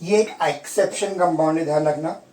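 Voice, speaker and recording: A man's voice: on the high side, fairly quick, a little mellow. A man teaching chemistry in Hindi-English mix, often quizzing his students and repeating key terms. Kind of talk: classroom lecture. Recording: echoey room, from far off.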